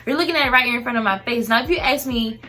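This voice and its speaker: A young woman in a casual storytime rant about fast food work, animated and mimicking customers. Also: on the high side. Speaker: vlogger and fast food worker.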